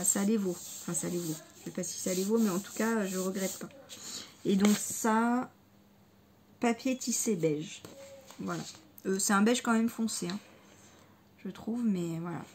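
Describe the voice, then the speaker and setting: A woman's voice: medium pitch, a little mellow, a little hiss or hum. A woman chatting casually in a haul video, hesitant with many fillers and repeated words, enthusiastic about her crafting materials. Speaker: scrapbooking vlogger.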